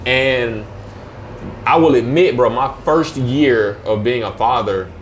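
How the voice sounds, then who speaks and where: A young man from Georgia talking fast and slurring his words as a podcast guest, with many fillers. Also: medium pitch, slight background noise. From Georgia, USA. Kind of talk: casual podcast chat.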